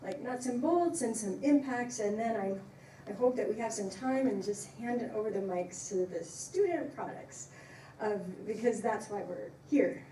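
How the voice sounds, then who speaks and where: A woman gives an informal, appreciative presentation in a soft-edged, mellow voice. She is emphatic in her phrasing. The recording is echoey and a little distant, with faint noise. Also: mid-range voice, expressive, a little slow. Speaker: biology professor giving a talk.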